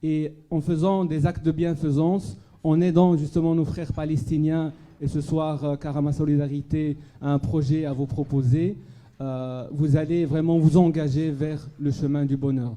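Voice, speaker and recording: A man raised in Morocco addresses a dinner audience at a fundraising gala in a banquet hall, giving a public charity speech. He is hesitant, full of fillers and restarts. His voice is on the high side, warm and level, at a normal speed.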